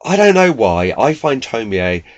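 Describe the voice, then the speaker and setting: A man's voice: mid-range voice, big pitch swings, unhurried, muffled recording. A man talking as a podcast guest in casual chat, thoughtful and hesitant, with many restarts.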